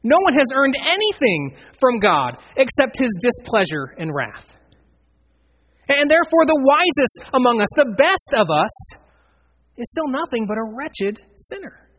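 Man, pastor, sermon, earnest scripture exposition, breathy husky voice. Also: very high voice, huge pitch swings, unhurried, pauses often, a bit bright.

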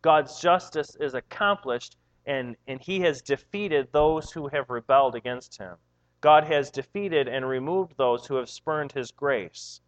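A man's voice: medium pitch, measured pace. Guy preaching, reads verses then repeats himself for emphasis, muffled lo-fi sound. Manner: reads scripture aloud, then explains it with repeated words and rising emphasis. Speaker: pastor. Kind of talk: sermon.

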